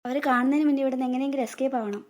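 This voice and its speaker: A woman's voice: high-pitched, fairly even intonation, racing, a little mellow, lightly acted. A woman voicing a scheming, cruel stepmother in a cartoon, bossy and scolding with sly asides. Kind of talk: cartoon voice acting.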